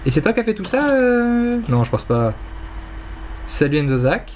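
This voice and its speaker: A man's voice: sits high, big pitch swings, normal speed, darkish tone, a little hiss or hum. A young man casually commenting on his Minecraft gameplay, rambling playfully, teasing and mocking himself. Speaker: gaming YouTuber.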